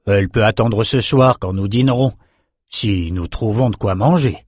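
A man's voice: lowish voice, moderate pace, darkish tone, no echo, studio quality, close to an everyday voice. A man voicing a wry, rambling old wizard in an audiobook. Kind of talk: audiobook character voice.

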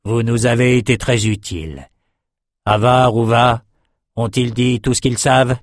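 A man voicing a cruel male warlord general who gives orders slowly and coldly, in a dry recording. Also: medium pitch, steady tone, no echo, lightly acted. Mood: cold command.

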